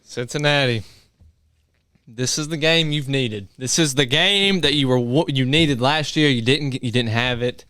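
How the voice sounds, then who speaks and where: A man's voice: mid-range voice, measured pace, sharp tone, smooth, no echo, clean studio sound. A man on a sports talk panel making his pick, fired up and pleading with the team.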